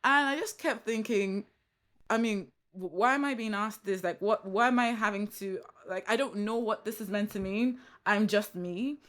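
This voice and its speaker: A young woman from Nigeria with a Nigerian accent, hosting a podcast and telling her own stories in a lively, chatty way. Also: mid-range voice, moderate pace. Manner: animated storytelling with laughs and quoted asides. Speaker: podcast host. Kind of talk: casual interview chat.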